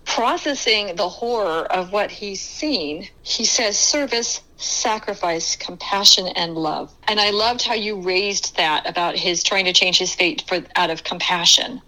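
A woman's voice: mid-range voice, measured pace, hardly any pauses, pushed and bright, rough recording. A middle-aged woman co-hosting a casual fan discussion podcast, enthusiastic and reflective as she leads the conversation. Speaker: podcast co-host.

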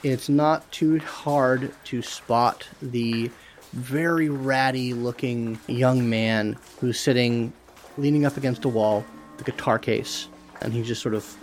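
Man narrating a tabletop game. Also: medium pitch. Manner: casual, loose narration with fillers and swearing. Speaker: game master.

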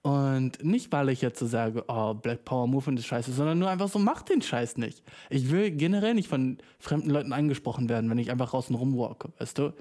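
A young man from Germany talks straight into his microphone for a casual solo podcast. His speech is slangy and full of English words, and he bursts into lively, excited stretches. His voice has a mellow, warm, relaxed tone. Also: mid-range voice, brisk, few pauses. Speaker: podcast host. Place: small room, speaking into a microphone.

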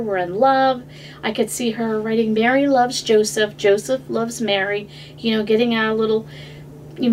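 A woman's voice: medium pitch, recorded from a distance, slight background noise. A middle-aged woman hosting a devotional podcast, talking in a chatty, conversational way with fillers. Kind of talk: devotional talk.

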